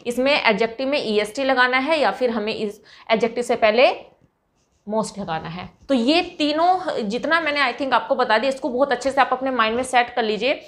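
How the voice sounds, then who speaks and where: A woman teaches English grammar to her students. Her voice sits high. She is patient and stretches out each example word so learners can follow. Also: a bit bright. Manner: patient, drawn-out model pronunciations.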